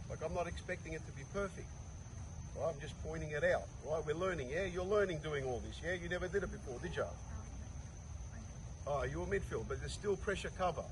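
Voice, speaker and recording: A man coaching youth soccer gives a halftime pep talk, instructive and emphatic, often checking with short questions that his players understand. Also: on the high side. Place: outdoors beside a soccer field. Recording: noisy outdoor recording with vehicle sounds.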